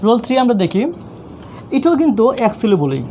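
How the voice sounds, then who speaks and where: A male teacher with a Bangladeshi Bengali accent explains grammar rules in a mellow, warm voice. He keeps asking questions and answering them himself, patient and repetitive. Faint traffic noise hums in the background. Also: high-pitched, big pitch swings, brisk. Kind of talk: online classroom lesson.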